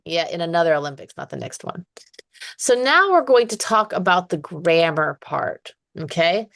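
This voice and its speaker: A woman's voice: on the low side, very animated, normal speed, gravelly, a bit bright. A woman teaching an online English lesson, chatty and encouraging, with frequent laughs; she is dizzy today. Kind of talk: one-on-one online lesson chat.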